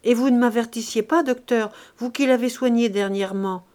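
A woman's voice: fairly high pitch, moderate pace, a little mellow, lightly acted. Woman reading as a bitter, angry young man. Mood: anguished anger. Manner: bitter, accusing outbursts.

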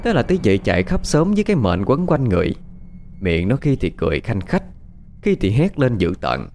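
A man narrating a ghost story in a dramatic, expressive way. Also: mid-range voice, fairly quick, background noise.

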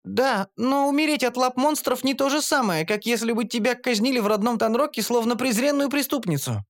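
A man's voice: extremely high pitch, a little fast, voice pushed up. A man voicing an earnest, anxious young female gnome in an audiobook. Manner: eager, pleading. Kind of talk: audiobook character voice.

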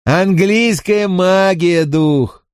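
A man voicing a scornful, fearless male vagrant who mocks and shouts defiantly. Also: a little high, unhurried, dry recording, clean studio sound, pitched above the performer's own voice, natural voice. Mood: triumphant shout.

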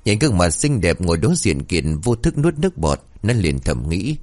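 Deep-voiced male ghost story narrator. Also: normal speed. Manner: lively, colloquial storytelling.

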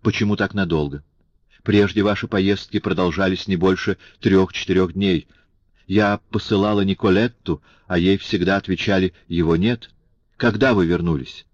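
A man's voice: deep voice, normal speed, dry recording. A man reading an audiobook, voicing an affectionate young woman who playfully scolds. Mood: chiding. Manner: chiding, lively. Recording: dull lo-fi audiobook recording.

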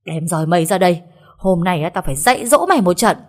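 A woman voicing a wealthy, furious older father in a storybook reading, scolding loudly. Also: on the low side, expressive, fast talker. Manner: loud scolding.

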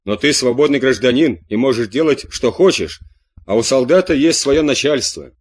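A man voicing a blunt soldier of the guard, talking low and steady in an audiobook. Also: normal speed, close to an everyday voice. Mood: calm.

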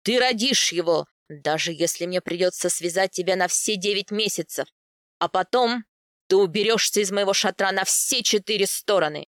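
A woman voicing a furious, domineering male steppe warrior in an audiobook, speaking low and menacing. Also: moderate pace, no echo, studio quality, natural voice. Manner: growling, menacing, loud. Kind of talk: audiobook character voice.

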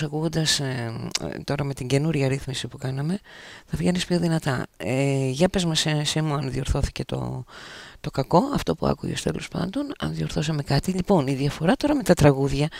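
A male radio host with a gravelly, somewhat high voice chats in an easygoing, teasing way. He stumbles over words and hesitates often. He sounds close and dry, as if in a small studio. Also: dry recording. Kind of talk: casual on-air chat.

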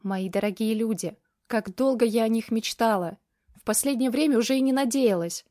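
A woman's voice: a little high, moderate pace, warm tone, no room sound, clean studio sound, lightly acted. Woman doing an emotional grandmother. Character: tearful loving grandmother in a wheelchair.

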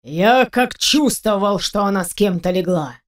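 A woman's voice: mid-range voice, lively intonation, unhurried, natural voice. A woman reading an audiobook, voicing a menacing middle-aged father who hisses and snarls his lines. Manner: hissing, snarling through teeth.

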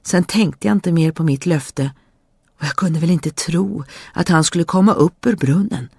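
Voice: mid-range voice, vocal fry, darkish tone, slightly rough, no echo, studio quality. A reader voicing a spoiled young princess who turns petulant or eager in a fairy tale reading. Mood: explaining. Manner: petulant, eager to please when she wants something. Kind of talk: storybook reading.

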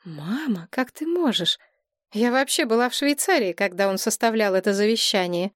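A composed young heiress, voiced by a woman reader who speaks firmly and deliberately. Her voice sits slightly above the narration and is recorded dry. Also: medium pitch, lively intonation, no echo, lightly acted. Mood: tired.

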